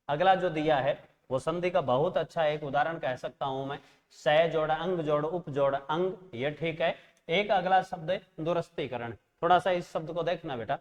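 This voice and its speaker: A man teaching an exam-prep language lesson, patiently correcting pronunciation and spelling word by word. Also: fairly high pitch. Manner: patient, corrects pronunciation, calls students "beta" and "friends". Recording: long reverb.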